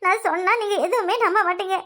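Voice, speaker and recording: A woman's voice: very high-pitched, steady tone, fast, a bit bright. A woman with a southern Tamil village dialect voicing a sly young newlywed who complains in a teary, sing-song way in a cartoon. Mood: self-pitying. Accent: southern Tamil Nadu village dialect. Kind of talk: cartoon voice acting.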